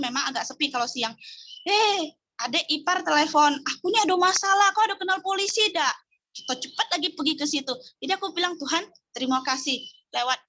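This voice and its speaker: A middle-aged woman speaks in a high, bright voice. She tells a personal faith story in a chatty, candid, emotional way over a video call. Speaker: community member sharing testimony. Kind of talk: casual testimony.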